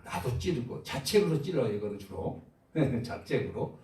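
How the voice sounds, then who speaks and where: A male pastor preaching a sermon, asking the congregation questions and answering them, moving between loud exhortation and soft low asides. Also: big pitch swings, moderate pace. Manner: call-and-response preaching, asks the congregation questions. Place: large church sanctuary. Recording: roomy echo, far from the mic.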